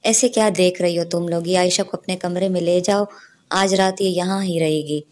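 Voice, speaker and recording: A woman's voice: fairly low pitch, steady tone, normal speed, a little mellow, lightly acted. Woman voicing a stern protective brother. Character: stern protective young man, elder brother.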